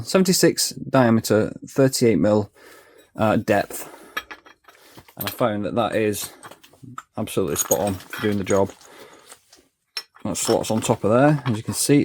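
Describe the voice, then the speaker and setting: A man's voice: fairly low pitch, darkish tone. A man giving casual step-by-step commentary as he works on car parts in his home garage, talking himself through each task. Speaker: DIY car mechanic vlogger.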